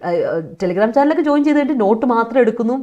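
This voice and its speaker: A woman's voice: a little high, rapid-fire, mellow, dull audio. A woman English teacher from Kerala running a live online vocabulary class, mixing English words into her explanations and laughing as she answers her students. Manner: mixes English words into explanations, reads student chat aloud, laughs often.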